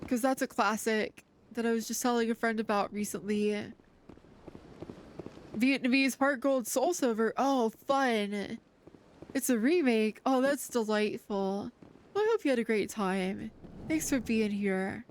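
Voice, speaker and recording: A woman with a high voice chats casually while livestreaming a game, using a cute, friendly anime-streamer manner. Video game music plays under her voice, and there's a little hiss or hum.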